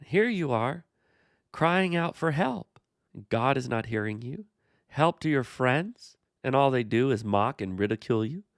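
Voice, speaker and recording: A man hosting a Bible study, explaining the passage in a measured way and speaking to the character directly. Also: medium pitch, animated, no room sound, studio quality. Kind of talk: scripture commentary dialogue.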